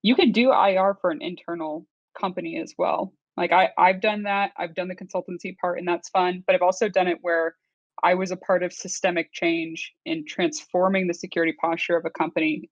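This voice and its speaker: A woman speaking in a flat, monotone way as a panelist in a casual panel discussion over a call. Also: fairly low pitch, a little fast, no echo, dull audio. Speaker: incident response panelist.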